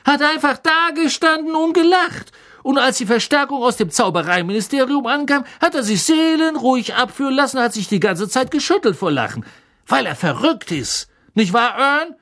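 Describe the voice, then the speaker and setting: Voicing a chattering, gossipy young bus conductor, the audiobook reader pushes his voice up into a high register with extra force. The character narrates dramatically at a moderate pace, eager for listeners to agree with him.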